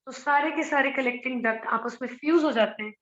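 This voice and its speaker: Woman teacher, high voice, biology lecture, rhetorical questions, echoey room, muffled. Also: brisk, a bit bright. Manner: explains in mixed Hindi and English, asks rhetorical questions.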